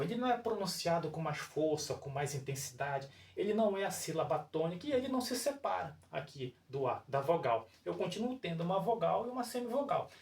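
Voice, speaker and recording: A teacher with a Brazilian Portuguese accent works through a whiteboard grammar lesson, with a pitch that rises and falls a lot. The teacher explains things step by step and keeps checking in with the viewers. The voice sounds distant, set in a roomy space with a bit of echo. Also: darkish tone. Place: room with a whiteboard. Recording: roomy echo, voice far from mic.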